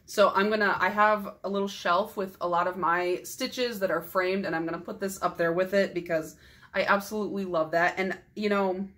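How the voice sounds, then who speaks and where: A woman's voice: mid-range voice, fairly even intonation, normal speed, a bit bright. A young adult woman chatting casually in a haul vlog, tired and losing her voice, chatty and self-deprecating with frequent laughs. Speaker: nail polish YouTuber.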